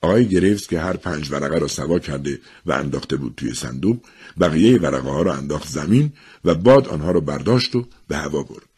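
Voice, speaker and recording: A man narrating a short story in an expressive, dramatic way, with a husky voice. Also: rumbling low. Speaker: audiobook narrator.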